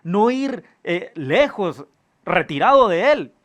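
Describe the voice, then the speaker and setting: A man preaching a sermon, earnest, calling his listeners brother, often halting with fillers and restarts. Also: high-pitched, sing-song, highs cut off.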